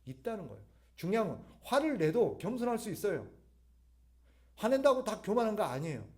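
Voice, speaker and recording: A man preaching at an evening church service in a fairly high, very animated voice that leaps up and down in pitch. He keeps asking the congregation questions and answering them himself, breaking into sudden forceful emphasis. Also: fairly quick. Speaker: pastor. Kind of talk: sermon.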